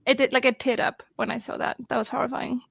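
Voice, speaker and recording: A woman chatting excitedly on a video call, rambling with lots of fillers. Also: on the high side, fast, vocal fry, breathy edge, no room sound. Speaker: guest on a group video chat. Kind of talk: casual chat.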